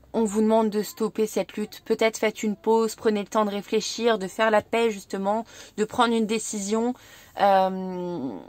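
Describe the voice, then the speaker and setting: A woman reading tarot cards for her viewers, in a gentle, reassuring way that repeats key advice. French is her first language. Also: mid-range voice, dry recording. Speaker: tarot reader.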